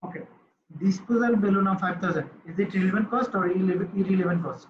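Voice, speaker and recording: A man's voice: high-pitched, drawn-out words, slight background noise. A man teaching an online class, asking students questions and answering them himself. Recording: roomy, slightly dull call audio with faint ambience.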